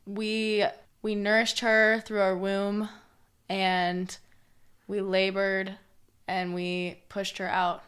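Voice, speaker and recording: A young woman co-hosting a podcast, chatting casually with sarcastic, deadpan jokes and a lot of swearing. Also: mid-range voice, takes it slowly. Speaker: podcast co-host, hairstylist. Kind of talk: casual chat. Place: room, sharing one microphone.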